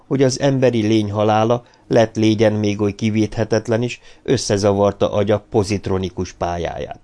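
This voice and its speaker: A man narrating an audiobook in a measured, even storytelling manner. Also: lowish voice. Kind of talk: scripted narration.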